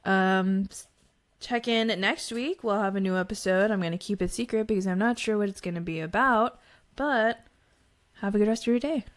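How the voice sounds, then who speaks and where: A woman's voice: mid-range voice, normal speed. A woman co-hosting a podcast in casual chat, talking into a microphone, often trailing off mid-sentence and laughing. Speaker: podcast co-host.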